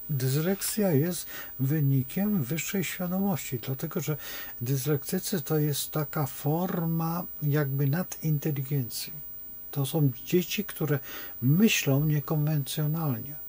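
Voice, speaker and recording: A man's voice: on the high side, darkish tone, slightly rough. A man speaking as an astrologer in an unscripted monologue, rambling and digressive as he tells stories.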